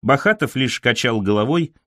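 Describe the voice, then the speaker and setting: An audiobook narrator reads first-person literary fiction in a measured, expressive way. His medium-pitched voice rises and falls widely. Recorded on a close mic, the sound is very dry with no room echo.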